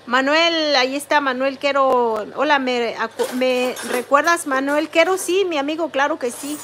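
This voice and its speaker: A young woman chats on her livestream in a high, bright-pitched voice, reading out comments and greeting each viewer. A faint hum sits under her voice. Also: moderate pace. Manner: chatty, warm greetings to each viewer, reads chat names aloud. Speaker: livestream host. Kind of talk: casual livestream chat, reading comments aloud.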